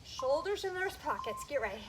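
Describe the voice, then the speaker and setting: A woman with a fairly high voice leads a workout like an aerobics instructor, calling out cues and encouragement while moving through the exercises herself. She is recorded outdoors, with clear ambient noise around her voice. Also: big pitch swings, brisk. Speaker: fitness instructor. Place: outdoors in a backyard garden.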